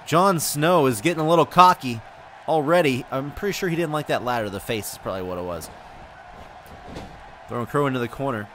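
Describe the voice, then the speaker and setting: A man giving excited play-by-play commentary on a wrestling video game, often shouting and exclaiming and calling his viewers folks. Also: mid-range voice, fairly quick, long pauses, slight background noise.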